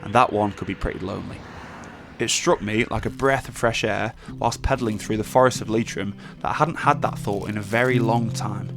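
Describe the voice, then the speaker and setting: A young man narrating a documentary in a calm, measured, reflective way. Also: fairly low pitch, gravelly. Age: young adult. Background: music.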